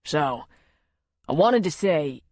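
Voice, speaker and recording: A woman's voice: low voice, animated, takes it slowly, darkish tone, no room sound, studio quality, full character voice. A woman narrator voicing a plainspoken man who talks in a casual, clipped, matter-of-fact way.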